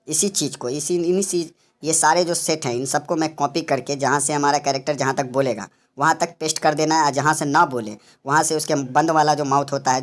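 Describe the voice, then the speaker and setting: A man narrating a software animation tutorial, explaining each step as he works and often addressing viewers as friends. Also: mid-range voice.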